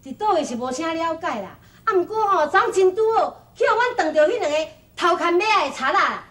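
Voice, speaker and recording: A woman playing a bold, meddling old countrywoman hero in a TV comedy, stammering and talking in a chatty, animated way. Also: very high-pitched, fairly quick, exaggerated voice. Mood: reassuring. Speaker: elderly heroine 大嬸婆 in a TV comedy.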